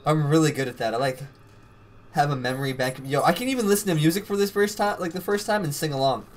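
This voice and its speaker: A man's voice: fairly high pitch, fast talker. A young man hosting a casual live interview, rambling with lots of slang and laughter.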